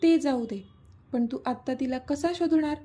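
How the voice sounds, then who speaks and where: A cruel, taunting male villain from an audio story, read by a woman. The voice sits fairly high and mellow with a husky edge. He sneers through every line. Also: normal speed. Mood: sneering. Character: cruel mocking middle-aged male villain.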